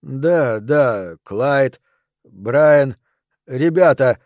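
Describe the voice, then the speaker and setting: A man voicing a jittery, dim-witted young male gang member who talks nervously and loudly. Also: mid-range voice, animated, very slow, dry recording, muffled recording. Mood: spooked. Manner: nervous, raised and loud.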